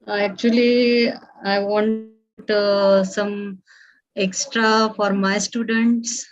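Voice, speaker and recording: A woman with an Indian accent, a college teacher speaking in an online class, halting and searching for words. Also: medium pitch, flat delivery. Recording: dull online call audio.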